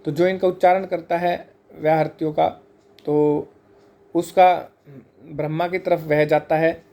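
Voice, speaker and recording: Higher-voiced man teaching scripture. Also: little pitch movement, warm tone. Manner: measured and explanatory, slowing to spell out sacred terms one by one. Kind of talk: explanatory scripture lesson.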